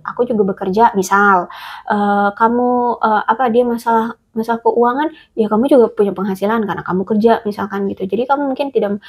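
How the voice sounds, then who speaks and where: Husky-voiced woman giving a chatty tarot reading. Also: fairly high pitch. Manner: chatty, hesitant, many fillers and restarts. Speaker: tarot reader. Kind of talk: casual tarot reading monologue.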